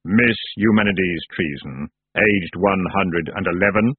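A man voicing Death, a tall hooded spirit who speaks slowly, gravely and without tone. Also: low-pitched, no echo. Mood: solemn. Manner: slow, grave and toneless. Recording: tinny phone-like, dry sound.

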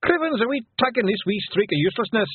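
Man doing a tiny gruff Scottish pictsie chief. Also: high-pitched, expressive, fast talker, dry recording, pitched above the performer's own voice. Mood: boisterous. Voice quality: gruff broad brogue. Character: tiny rowdy male pictsie clan chief. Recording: tinny phone-like dry recording.

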